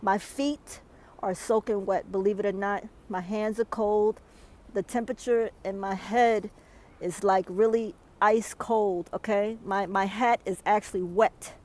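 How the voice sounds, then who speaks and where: Out of breath in a snowstorm, a female vlogger records a weather video outside, frequently ending her emphatic tips with "okay?" She speaks a little slowly in a steady, darkish, medium-pitched voice, and the audio quality is rough.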